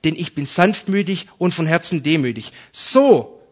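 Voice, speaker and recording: A man's voice: a little high, a little fast, dull audio. A man preaching a sermon, explaining Bible verses to his congregation in a conversational way.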